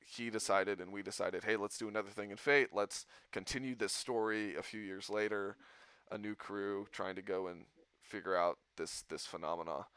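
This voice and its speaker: Bright-voiced man telling a rambling story. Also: lowish voice, steady tone, normal speed, clear, resonant tone, no room sound, clean studio sound. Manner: rambling storyteller, laughs often. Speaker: podcast host. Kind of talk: casual chat.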